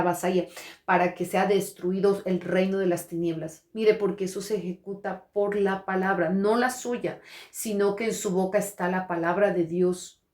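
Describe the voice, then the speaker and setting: A woman's voice: on the low side, darkish tone. Earnest woman pastor preaching in an echoey room. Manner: hesitant, restarts and repeats words; earnest preaching, addresses listeners directly. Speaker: pastor and prophet. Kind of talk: testimony sermon. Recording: roomy echo.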